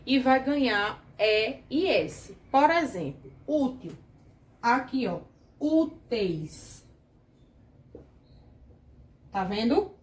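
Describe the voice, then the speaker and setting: Slow, patient Brazilian woman teacher. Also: a little high, animated, reverberant. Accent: Brazilian Portuguese. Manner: patient, asks the class questions and checks with "certo?". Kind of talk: grammar lesson for children.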